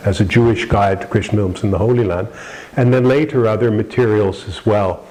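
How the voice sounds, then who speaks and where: A man's voice: lowish voice, a little fast, mellow, low-quality recording. A middle-aged man from New York with an American accent, giving a rambling public lecture with many fillers and restarts. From New York City, USA.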